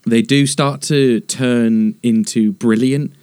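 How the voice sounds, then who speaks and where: A man's voice: medium pitch, steady tone, slow pace, a little mellow, smooth, no room sound. A man chatting casually as a podcast guest, giving dry, blunt opinions and laughing easily. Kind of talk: casual comedic chat.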